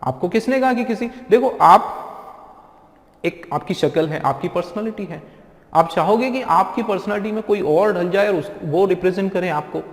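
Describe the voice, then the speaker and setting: A man's voice: sits high, moderate pace. A man with an Indian accent gives an informal spoken English lecture and chats with viewers as friends. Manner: chatty, addresses viewers as friends. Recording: echoey room with long reverb.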